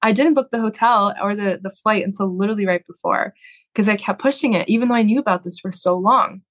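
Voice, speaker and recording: A woman's voice: mid-range voice, fast talker, a bit bright. A woman in her thirties from Canada, a podcast guest talking candidly and reflectively in a casual interview, often restarting her sentences. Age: 30s.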